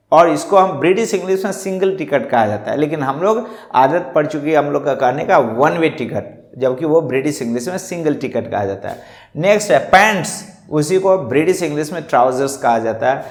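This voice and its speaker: A man with a fairly high voice walks through a list of words like a teacher, naming each one and repeating it before explaining. The room around him rings with noticeable echo. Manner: listing word pairs one by one, repeating terms. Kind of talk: explanatory lesson.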